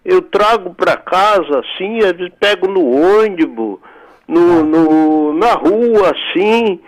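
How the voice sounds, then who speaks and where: A man's voice: sits high, lively intonation, slow, rough recording. An older man with a São Paulo accent calls in over the phone with a question. He hesitates and repeats his words. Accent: São Paulo Portuguese. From Brazil. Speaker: caller. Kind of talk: call-in question.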